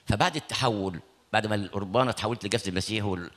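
A middle-aged man with an Egyptian Arabic accent, a priest telling a story in a sermon, animated and acting out the people he quotes. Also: fairly low pitch, racing.

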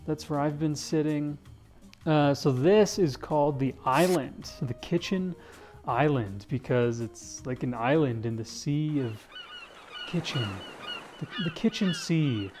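A young man, an English teacher who vlogs, gives a playful, joking tour of the kitchen in a large house, holding the camera himself in selfie framing and saying "dude" a lot. His voice is fairly high, unhurried and a little mellow, with wildly swooping pitch and soft music in the background.

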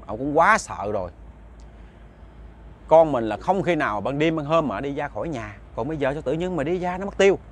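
A man's voice: a little high, expressive, fairly quick, slight background noise. A man with a Southern Vietnamese accent telling a ghost story in a chatty, casual way, speaking directly to his listeners.

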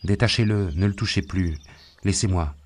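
Picture a bold, cheerful young healer who barks out brisk orders and takes charge without a second thought, as a man reading the story puts him on. The voice is low and dark, but it sits noticeably higher and louder than the reader's own narration. The delivery is quick and commanding.

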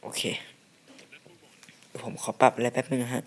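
A man casually commenting on his gameplay, chatty and quick to exclaim and swear at the game. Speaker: gameplay video host. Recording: faint background noise with clicks.

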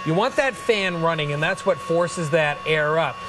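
A man's voice: fairly high pitch, moderate pace, background noise. A middle-aged man giving an enthusiastic, emphatic live home shopping product demonstration, repeating his selling points. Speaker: product demonstrator, guest pitchman. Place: TV studio kitchen set.

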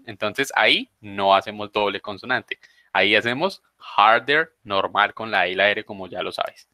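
Guy teaching english over a video call, crisp bright voice, super dry sound, walks through the rules slow and patient. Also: lowish voice, no room sound. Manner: patient, explains step by step. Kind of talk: online English class.

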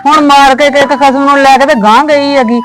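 A woman's voice: high-pitched, flat delivery, a little fast, music in the background, lightly acted, rough recording. A woman playing an upset Punjabi mother. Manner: upset, complaining and scolding. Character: worried mother defending her son. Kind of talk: family drama acting.

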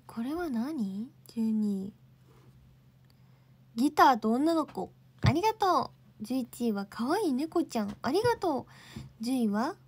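Young female idol streamer, high husky voice, chatty, answers viewer comments. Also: darkish tone. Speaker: idol livestream host. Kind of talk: casual livestream chat reading comments.

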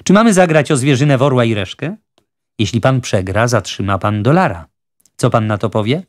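A man's voice: medium pitch, lively intonation, fairly quick, natural voice. A man voicing a genial, talkative wealthy judge who persuades with fussy good humor. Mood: jovial.

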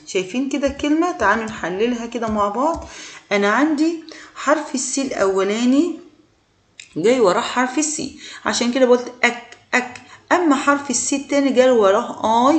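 A woman's voice: on the high side, roomy sound. Patient Egyptian woman teaching English letters. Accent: Egyptian Arabic. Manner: patient, repeats words slowly for learners. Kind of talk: beginner language lesson.

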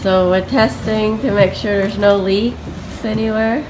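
A woman's voice: mid-range voice, fairly even intonation, unhurried. A woman filming in an unfinished room, chatting casually and asking short curious questions. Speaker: co-host filming the project. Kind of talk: casual chat. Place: unfinished framed room indoors. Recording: loud noise, off-mic.

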